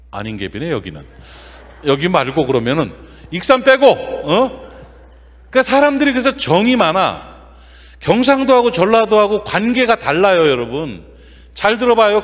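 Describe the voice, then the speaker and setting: Man, guest pastor, revival sermon, folksy, quizzes listeners, very animated pitch, long church reverb. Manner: folksy, lively, quizzes the congregation with quick questions. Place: church sanctuary.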